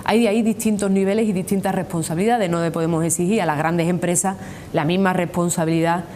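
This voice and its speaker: A woman's voice: fairly even intonation, fast, warm tone. A woman with an Andalusian accent giving earnest, long-winded answers in a formal political interview as a union representative, repeating points for emphasis. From Andalusia, Spain. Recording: noisy with low rumble.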